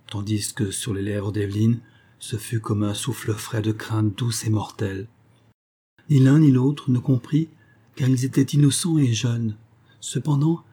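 A man reading a gothic story aloud as scripted narration, in a measured, even way. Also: lowish voice, breathy edge. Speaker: audiobook reader.

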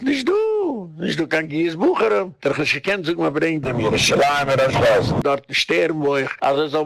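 A man's voice: a little high, vocal fry, no echo, studio quality. A man, a rabbi, giving an indignant community lecture, repeating key phrases for emphasis and slipping into English asides.

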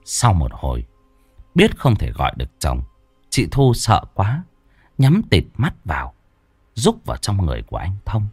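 A man narrating a ghost story in an expressive, dramatic storytelling style. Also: sits low, normal speed, long pauses, breathy edge, no echo, faint music behind.

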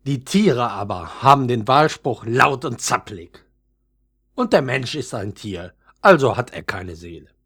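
A man reading a storybook, voicing a gruff old rootstock who grumbles bluntly. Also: mid-range voice, lively intonation, unhurried, a bit bright, full character voice. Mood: grumbling.

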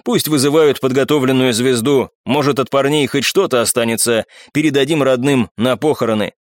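A stern army captain speaks slowly and with cold calm in an audiobook, played by the male reader. His lines stay near the narrator's own voice. The sound is close and dry. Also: mid-range voice, no room sound, natural voice. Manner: slow, measured, stern.

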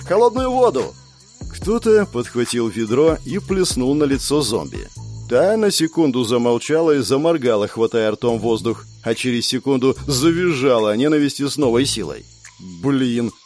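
Man reading an audiobook, lively animated delivery, mid pitch. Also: moderate pace, soft background music. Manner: expressive storytelling. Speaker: audiobook narrator. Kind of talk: audiobook narration.

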